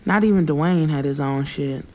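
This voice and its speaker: A woman with a deep, darkish voice narrates first-person urban fiction for an audiobook at normal speed. Her delivery is casual, frank and streetwise, with swearing, and the audio quality is poor.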